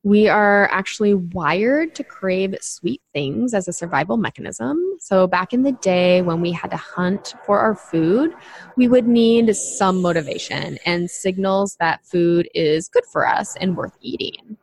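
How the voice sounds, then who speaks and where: A woman's voice: mid-range voice, lively intonation, measured pace, vocal fry. A woman co-hosting a casual podcast as a nutrition coach, chatty and encouraging, full of "like" and "you know". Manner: encouraging, speaks directly to listeners.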